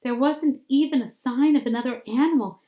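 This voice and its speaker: Her voice sits high as she reads a children's story in a teacherly way, phrasing things deliberately and dramatically and sometimes dropping to a hush.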